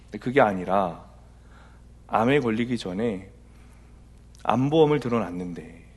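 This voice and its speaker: Korean pastor preaching in storytelling style. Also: male voice, mid-range voice, husky. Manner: storytelling, swings from soft asides to loud emphatic exhortation. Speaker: senior pastor. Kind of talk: conversational sermon.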